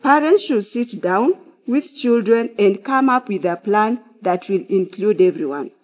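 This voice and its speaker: Woman giving calm counseling advice. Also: medium pitch. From Kenya. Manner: measured, instructive, opens with prayer. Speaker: counseling psychologist. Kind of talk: church talk to online viewers. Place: church sanctuary behind a glass pulpit.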